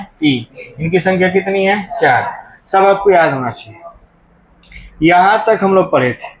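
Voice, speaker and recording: A male teacher with a high-sitting, fairly bright voice gives a grammar lesson in an echoey classroom, with a little hiss or hum in the recording. He puts questions to the class, often answers them himself, and repeats the key terms.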